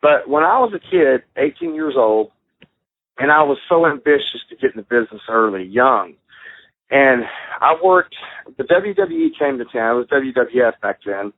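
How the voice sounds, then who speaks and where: A man's voice: medium pitch, animated, normal speed, no room sound. Blunt, cussing man on a phone line. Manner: blunt, swears freely, acts out others' lines. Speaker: guest, former pro wrestler. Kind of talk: casual storytelling. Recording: dry phone-line call.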